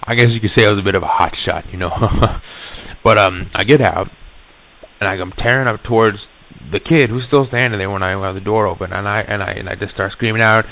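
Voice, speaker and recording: Gravelly man rambling through a spooky tale. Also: fairly low pitch, a little fast. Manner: rambling, folksy and profane, with many restarts. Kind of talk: telling a personal ghost story. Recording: lo-fi reel-to-reel tape, phone-like.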